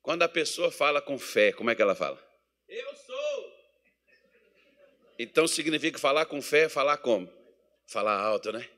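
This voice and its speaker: A fast-talking man with a medium-pitched voice and a Brazilian Portuguese accent from Mato Grosso preaches in a church meeting hall. He animatedly questions the congregation in call-and-response fashion.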